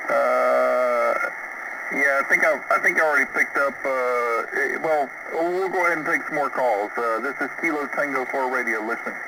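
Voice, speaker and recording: A man's voice: mid-range voice, moderate pace, gravelly, distant mic. Man calling on a noisy shortwave radio. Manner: easygoing, frequent "uh" fillers, spells call signs phonetically. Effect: voice heard over a shortwave radio receiver. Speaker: ham radio operator. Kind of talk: taking calls on an amateur radio frequency.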